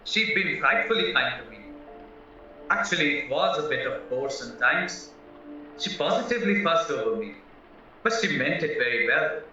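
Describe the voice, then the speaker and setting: In a stage-style audio play, a man with a slightly high, sing-song, sharp voice plays a naive, chatty, polite young husband who is under suspicion. At a moderate pace and in an exaggerated way, he explains himself earnestly, sounding candid and talkative. The recording is very echoey, distant, and muffled, with music behind him.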